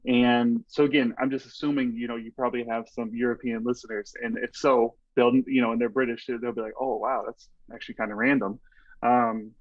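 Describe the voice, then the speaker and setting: Casual male podcast guest, mid pitch, rambling storyteller, muffled dry mic. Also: little pitch movement, fairly quick, hardly any pauses, no echo. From Texas. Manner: rambling, lots of "like" and "you know". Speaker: podcast guest, strength coach.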